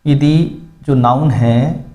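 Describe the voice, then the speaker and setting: A man's voice: medium pitch, steady tone, very slow, mellow. Man teaching grammar in an echoey room. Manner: asks learners checking questions, repeats key words. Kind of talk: grammar lesson explanation.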